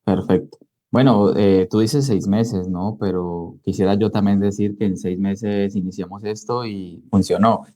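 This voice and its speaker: This clip features a digital marketing entrepreneur in his twenties, originally from Cali, Colombia, talking about his life as an interview guest. His Colombian-accented voice is lowish and mellow, with fairly even intonation and a measured pace, and the tone stays conversational.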